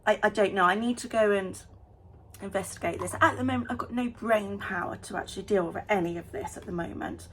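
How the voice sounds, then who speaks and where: A woman vlogging in a casual, chatty way, talking fast and getting excited about small things. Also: medium pitch, noisy background. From United Kingdom. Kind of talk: casual vlog chat.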